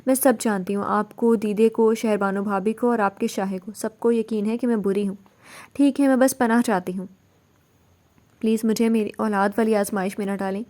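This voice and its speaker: Woman voicing a distraught young wife, pleading, insistent, warm low tone. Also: steady tone, close to an everyday voice. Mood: tearful.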